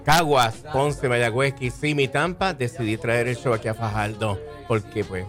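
A Puerto Rican man in his forties talks about his comedy show in a lively, promotional way. His voice sits in an ordinary middle pitch, with faint music under the conversation. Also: moderate pace. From Puerto Rico. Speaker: stand-up comedian guest. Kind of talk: casual interview chat.

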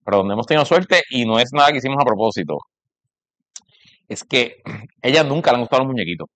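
With a Puerto Rican accent, a man chats casually about parenting, telling anecdotes as he goes. He talks fast, his medium-pitched voice lively in intonation and a bit bright, with no echo.

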